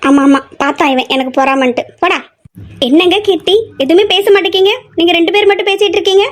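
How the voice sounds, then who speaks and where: Young woman as protective female college student, very high voice, scolding tone. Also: fairly even intonation, fast. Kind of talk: amateur audio drama acting.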